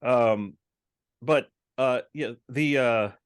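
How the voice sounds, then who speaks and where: A man's voice: mid-range voice, drawn-out words, clear, resonant tone, dry recording. Guy on a podcast mic, rambly, lots of ums, mid voice, dry sound. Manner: rambling, many ums and restarts. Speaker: podcast co-host. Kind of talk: casual podcast discussion.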